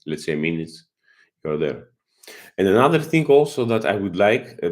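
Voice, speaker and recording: Man, very low voice, unhurried, live stream host, halting with fillers. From Kazakhstan. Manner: halting, many fillers and restarts. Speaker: channel host, marine consultant. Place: home in Greece.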